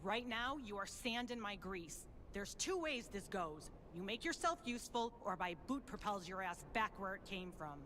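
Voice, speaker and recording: An actress playing a gruff, defiant ex-army woman in a zombie video game, blunt, sardonic and commanding. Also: mid-range voice, expressive, moderate pace, few pauses, a bit bright, natural voice. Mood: irritated, threatening. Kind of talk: scripted video game acting. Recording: faint background noise.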